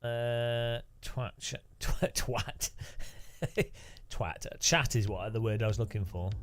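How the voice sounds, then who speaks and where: This man, speaking with an English Midlands accent, takes it slowly as he commentates a sim racing stream. His banter is playful and animated, punctuated by sudden high-pitched outbursts.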